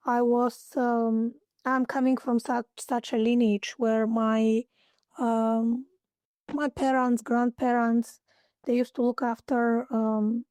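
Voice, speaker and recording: Brief: Bulgarian-accented woman, fairly high voice, dry close sound, halting interview answers, searches for English words. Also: warm tone, no echo. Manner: hesitant, searching for English words, many fillers. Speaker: guest, holistic therapist.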